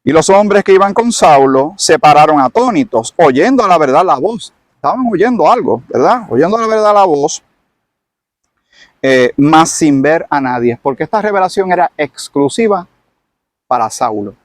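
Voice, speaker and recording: A man's voice: a little high, lively intonation, moderate pace, no room sound. A man teaching from the Bible in a sermon style, retelling the scene dramatically and acting it out. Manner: dramatic storyteller who acts out the scene.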